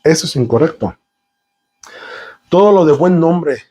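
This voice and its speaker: Man, preacher, sermon, rhetorical questions, warm mellow voice. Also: fairly high pitch, animated, measured pace, breathy edge. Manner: rhetorical questions and long strings of synonyms; talks with the congregation, asking them questions.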